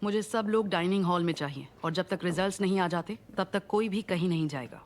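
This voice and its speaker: A woman's voice: fairly low pitch, a little fast, slight background noise, close to an everyday voice. A woman dubbing a stern, curt female anti-doping inspector in a drama. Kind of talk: dubbed drama.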